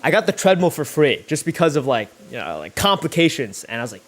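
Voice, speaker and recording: Thinking aloud while he builds thumbnails on a livestream, this young man chats in a casual, rambling way, slangy and sweary. His voice is fairly high and fairly bright, with big pitch swings and a quick pace.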